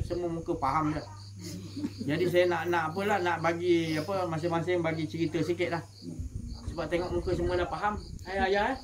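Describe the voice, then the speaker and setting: A man's voice: a little high, background noise. A man with a Malaysian Malay accent giving an informal religious talk to a gathering, colloquial and asking the listeners questions. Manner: colloquial, asks the audience questions. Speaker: religious teacher.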